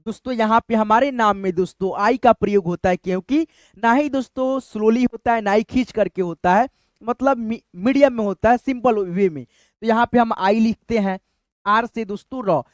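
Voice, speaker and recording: A man's voice: high-pitched, moderate pace, dry recording. A man teaching a step-by-step lesson, repeating "friends" often as he talks the class through each point. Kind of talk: explanatory lesson.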